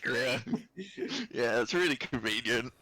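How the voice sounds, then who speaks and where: A man running a tabletop game, relaxed and joking with the players. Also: medium pitch, unhurried, no room sound. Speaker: game master. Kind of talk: casual tabletop game play.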